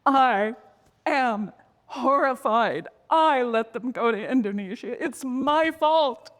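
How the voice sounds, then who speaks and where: A woman telling a dramatic personal story in a slow, intense way, sometimes sinking to a whisper. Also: a little high, expressive, long reverb tail. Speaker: speaker.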